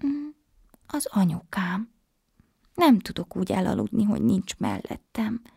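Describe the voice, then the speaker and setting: A timid little kindergarten girl from a bedtime storybook, as a woman reads her part, speaking in a small, hesitant voice pushed up high above the narration. The tone is breathy, and the close, dry sound has no room around it. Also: lively intonation, a little mellow, dry recording, full character voice. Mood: wondering. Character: shy little kindergarten girl who misses her mother.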